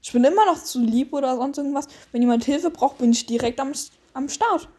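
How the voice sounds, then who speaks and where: A woman's voice: high-pitched, brisk, dark tone. A woman in casual chat with a friend, eager and gushing, sometimes stumbling over words. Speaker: co-host.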